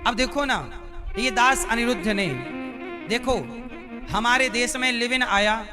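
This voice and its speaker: A high-pitched male preacher gives a live devotional sermon. He drives his points home through repetition and rhetorical questions, and he pushes the crowd to call out answers. Instrumental music plays clearly beneath his voice. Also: measured pace. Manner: repetitive, emphatic teaching cadence. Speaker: preacher giving a religious discourse.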